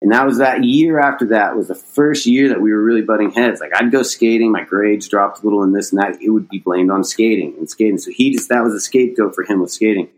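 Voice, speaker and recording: A man's voice: on the low side, fast talker, hardly any pauses, low-quality recording. A middle-aged man from the United States telling a long personal story in a casual, rambling way, with restarts and casual swearing. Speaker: podcast guest, skateboarder.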